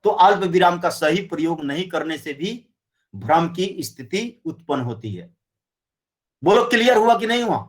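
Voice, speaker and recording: A man teaching a Hindi grammar lesson, explaining slowly and often checking with his students. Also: sits high, animated. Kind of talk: classroom lecture.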